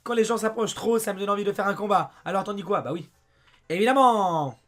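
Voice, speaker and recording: A young French man with a hoarse voice, chatting excitedly as he plays a game and talks to his viewers. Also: sits high, fast. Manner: chatty and excitable, often says "mes amis" and "abusé". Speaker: let's play host. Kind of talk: casual gameplay commentary.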